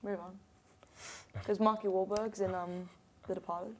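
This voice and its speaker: A woman's voice: mid-range voice, little pitch movement, a little slow, noisy background. A woman guest on a film podcast, chatting casually with hesitant fillers.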